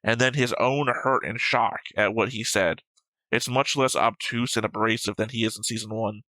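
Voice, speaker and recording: With a fairly low, steady, sharp voice at a moderate pace, a man co-hosting an anime reaction show argues his side in a casual analytical discussion, dissecting each point plainly. The recording is dry and poor.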